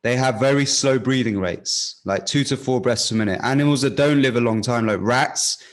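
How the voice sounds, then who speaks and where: A man teaching breathwork, giving calm step-by-step instructions and often checking in with the listener. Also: medium pitch, normal speed.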